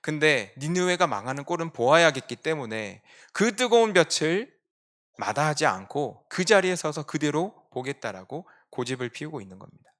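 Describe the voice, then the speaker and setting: A male pastor delivering a Sunday sermon in church. He swings between quiet, reflective asides and sudden emphatic outbursts. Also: on the high side, expressive, normal speed.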